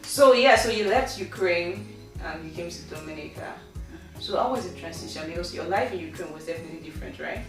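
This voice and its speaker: A woman's voice: lowish voice, fairly quick. A woman with a Nigerian accent, hosting a casual interview for her channel and putting questions to a guest. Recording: very echoey room, distant mic, faint music.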